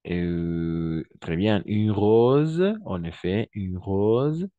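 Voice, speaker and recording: Low-voiced, slow, patient French teacher. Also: male voice, warm tone, no echo, lo-fi sound. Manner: slow, patient, repeats words and switches to Spanish to translate. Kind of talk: online language lesson.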